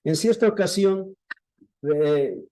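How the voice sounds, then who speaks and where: Addressing a small congregation, a preacher unfolds his stories at a slow, deliberate pace while his pitch rises and falls in lively fashion.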